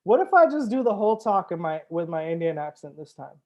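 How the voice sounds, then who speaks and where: A man's voice: high voice, big pitch swings, quick pace, a little mellow, muffled recording. A man hosting a live-streamed wine tasting as a sommelier, talking casually and upbeat with frequent fillers. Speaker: sommelier and show host.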